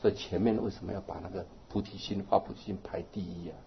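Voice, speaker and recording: A man giving a Buddhist Dharma talk, animated and rising to emphatic exhortation. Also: low-pitched, fast talker, gravelly, lo-fi sound, a little hiss or hum. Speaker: Buddhist teacher.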